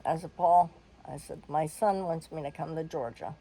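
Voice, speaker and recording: A woman's voice: deep voice, normal speed, gravelly, mellow, low-quality recording. An older woman telling a personal story in a candid, blunt way, with the odd cough and sigh.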